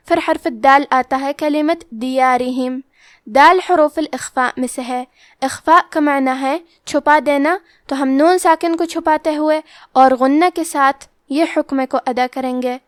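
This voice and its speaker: A woman with a high voice gives a methodical recitation lesson, going through each rule in careful steps. The recording is close and dry, with no room sound. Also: dry recording. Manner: methodical, step-by-step explanation with drawn-out recited words. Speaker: Quran recitation teacher. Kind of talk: tajweed lesson, explaining rules then reciting slowly.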